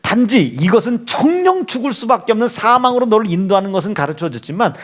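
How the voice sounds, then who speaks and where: Animated high-voiced male pastor preaching. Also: quick pace. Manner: animated preaching with rhetorical questions and acted quotes. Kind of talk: sermon. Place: church sanctuary. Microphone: handheld or stand microphone.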